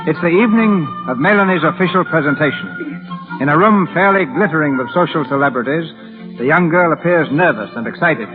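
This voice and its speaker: A man announcing on an old-time radio broadcast, giving station identification and setting the scene in a measured, polished delivery. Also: a little high. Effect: old-time radio broadcast sound. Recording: thin, narrow-band old radio recording with loud music.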